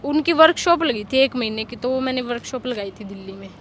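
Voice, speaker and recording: A young woman answers interview questions plainly and matter-of-factly. Her voice is high. Faint traffic noise comes from outside behind her. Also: expressive, fairly quick, fairly bright tone. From Haryana, India. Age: young adult. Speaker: interviewee, younger sister and dancer. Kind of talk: casual interview chat.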